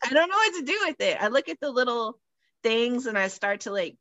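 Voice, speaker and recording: A woman chatting casually on a podcast, telling stories in an animated way and laughing often. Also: on the high side, fairly quick, no room sound, lo-fi sound.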